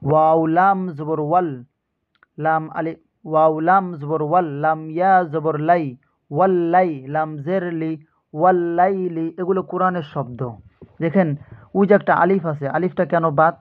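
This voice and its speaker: A man teaching Quran reading, spelling out Arabic letters and syllables and repeating each word, in a drawn-out way. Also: on the high side, fairly even intonation. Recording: tinny phone-like sound.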